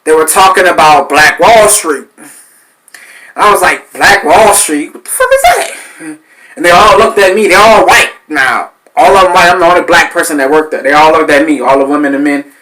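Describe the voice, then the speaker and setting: A man, hosting a podcast and telling stories in a loose, animated way, cursing and acting out voices. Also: fairly high pitch, normal speed, poor audio. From New Orleans, Louisiana. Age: 30s. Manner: animated, swearing, acts out voices in his stories. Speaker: podcast host. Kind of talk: casual storytelling.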